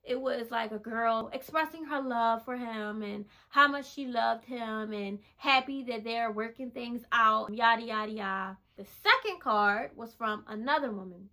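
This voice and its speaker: Bright emphatic woman telling her story. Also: on the high side. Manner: emphatic, repeats phrases for effect; candid, conversational. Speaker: vlogger. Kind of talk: personal storytelling testimony.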